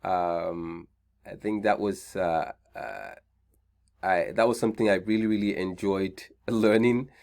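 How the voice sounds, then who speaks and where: A man from Nigeria with a Nigerian accent talks through a live online career seminar over a computer mic. His voice sits a little low, and his delivery is loose and conversational. He often repeats key lines and checks in with the audience. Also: measured pace, vocal fry, darkish tone. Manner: conversational, repeats key points, frequent "right?" check-ins. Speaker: seminar host.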